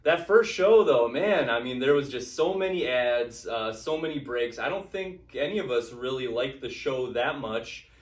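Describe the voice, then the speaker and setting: A man's voice: medium pitch, moderate pace, few pauses. Rambling man in an echoey room. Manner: relaxed, rambling, many "you know" and "um". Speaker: co-host. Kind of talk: casual chat. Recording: roomy sound, distant from the mic.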